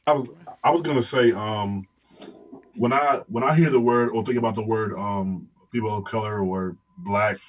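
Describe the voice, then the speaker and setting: An American podcast host talking reflectively in a round table discussion, with many pauses and restarts. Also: male voice, on the low side, far from the mic. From United States.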